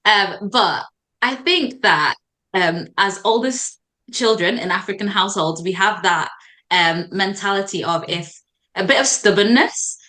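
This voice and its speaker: A woman's voice: mid-range voice, unhurried, pushed and bright. A young woman from Zambia, a doctor guesting on a podcast, talking in an earnest, encouraging and reflective way with frequent "um"s and "like"s. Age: young adult. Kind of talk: casual podcast conversation.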